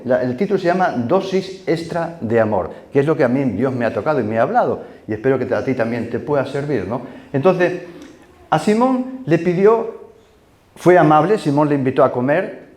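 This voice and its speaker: A man preaching a sermon in a relaxed, conversational way, with many fillers and repeated words. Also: on the high side, echoey room. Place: church hall.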